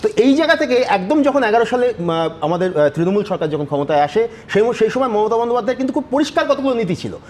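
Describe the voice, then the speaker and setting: Rapid high-voiced male debate guest. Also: very animated, darkish tone, a little hiss or hum. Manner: insistent, talks over interruptions. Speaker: panel guest. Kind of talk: studio debate argument.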